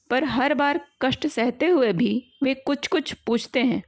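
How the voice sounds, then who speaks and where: A woman narrating a story at an unhurried, measured pace. Her voice sits fairly high and is recorded close and dry, with no room sound. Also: no room sound. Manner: measured, calm reading.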